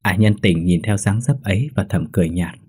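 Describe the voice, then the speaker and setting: A man narrating a scripted story in a steady, measured reading. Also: deep voice, husky.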